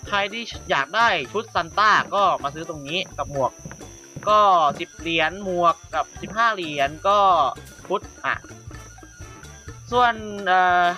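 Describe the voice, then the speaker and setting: A man's voice: high voice, animated, unhurried, pushed and bright, soft background music. A man giving casual, rambling commentary as he walks viewers through an online game, with many fillers and self-corrections. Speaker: gaming YouTuber.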